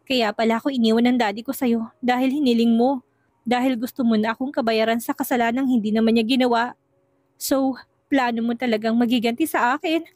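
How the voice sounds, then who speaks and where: A woman's voice: a little high, steady tone, brisk, darkish tone, dry recording, natural voice. A woman voicing a tearful, pleading young woman in a storybook reading. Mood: hurt. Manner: pleading, emotional. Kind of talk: storybook narration.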